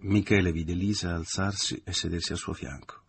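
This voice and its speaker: A man narrating a literary novel as an audiobook in a measured, expressive reading. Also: deep voice, gravelly, faint music behind.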